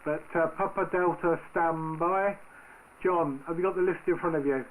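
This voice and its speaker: A man with a voice on the high side controls an amateur radio net, using radio procedure informally and with some hesitation at a normal speed. The recording is noisy shortwave radio with constant static.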